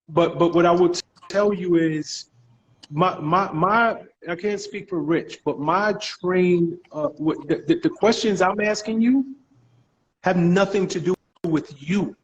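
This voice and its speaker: Direct high-voiced male talk show host. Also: highs cut off, a little hiss or hum. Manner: probing and direct, halting restarts. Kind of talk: live talk show questioning.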